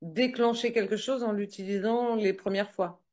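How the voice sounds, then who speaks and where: Calm interviewer asking follow-ups. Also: medium pitch, moderate pace. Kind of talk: interview questions.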